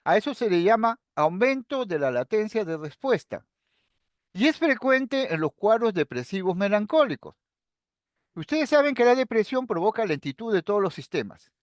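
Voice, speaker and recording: A middle-aged man with a high voice gives a lecture. He explains things calmly, point by point, and often turns to his students. The sound is dry and close, with no room echo. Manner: explains calmly and step by step, addressing students directly. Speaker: psychiatry lecturer. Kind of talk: recorded lecture.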